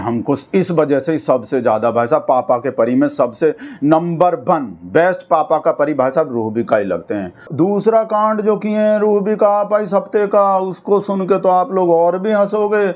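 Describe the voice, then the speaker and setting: A man's voice: a little high, darkish tone. A man giving comic, mocking commentary on news clips, chatty and full of asides. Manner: mocking, chatty, repeats "bhai sahab". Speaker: satirical commentator.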